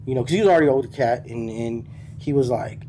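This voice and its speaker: A man, a podcast guest telling his franchise story in a casual, profane, animated way and acting out the people he quotes. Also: mid-range voice, fast talker, a little hiss or hum.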